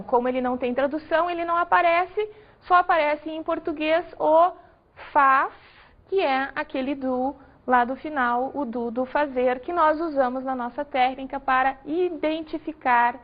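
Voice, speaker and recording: A woman from Brazil teaches English grammar to a class in a high, light voice. She explains patiently and leans on each example word. The recording sounds dull and lo-fi.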